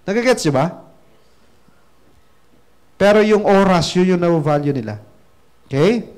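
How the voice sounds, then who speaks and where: A man's voice: high-pitched, animated, measured pace, a little mellow. A man, a business mentor giving a motivational seminar in chatty Taglish, often checking in with the audience. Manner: chatty Taglish, constant tag questions to the audience.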